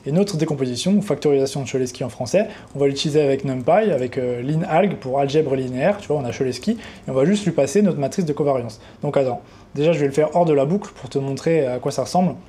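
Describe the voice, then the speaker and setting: A man's voice: medium pitch, fast talker, mellow. A young man giving an unscripted coding tutorial, talking casually to the viewer and rambling a little as he works. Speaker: trading educator.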